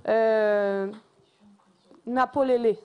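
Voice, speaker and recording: A woman's voice: on the high side, fairly even intonation, extremely slow, clear, resonant tone, muffled recording. A woman giving an emphatic church testimony, repeating herself and switching between languages. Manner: mixes languages, repetitive and emphatic.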